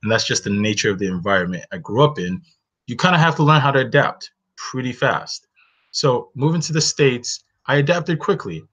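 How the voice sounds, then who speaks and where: With a mid-range, slightly bright voice, lively intonation, a breathy edge, and a moderate pace, a man in his thirties hosts a solo webinar from a small bedroom. Raised in Northern Nigeria with Hausa as his first language, he speaks earnestly about his own story, often saying "you know." The close webcam sound is dull and lo-fi.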